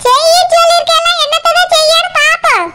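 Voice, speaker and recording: A woman's voice: very high-pitched, brisk, very noisy, voice pushed up. A woman voicing a grumpy, complaining older village mother-in-law with a Tirunelveli Tamil accent. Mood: grumbling. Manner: nagging, scolding.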